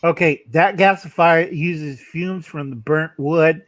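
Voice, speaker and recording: A man's voice: on the high side, takes it slowly, a bit bright, no echo. A man co-hosting a livestream, blunt and folksy, telling stories over a video call. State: coughing. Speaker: livestream co-host. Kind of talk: casual livestream chat.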